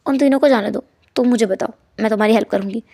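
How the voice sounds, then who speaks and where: A woman voicing a caring older sister who speaks in a soft, comforting way. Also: on the high side, quick pace, creaky. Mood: soothing.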